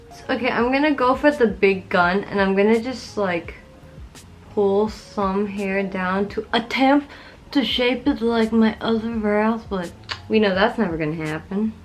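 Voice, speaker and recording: A woman's voice: medium pitch, a little slow, soft background music. A young woman casually chatting through a beauty tutorial at home, joking, rambling and yelping in pain. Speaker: beauty vlogger. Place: at home in front of a mirror.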